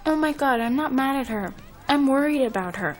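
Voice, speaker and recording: Brief: high, gushing teen girl, fretful, faint music bed. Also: animated, brisk. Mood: mock concern.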